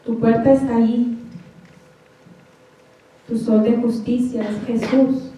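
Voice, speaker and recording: A woman preacher delivers a fervent sermon, calling out again and again to her congregation. Her voice sits fairly high and warm. It rings through a big echoey church hall, picked up from some distance with a dull edge. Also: flat delivery, slow pace. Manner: fervent, calls out to the congregation often.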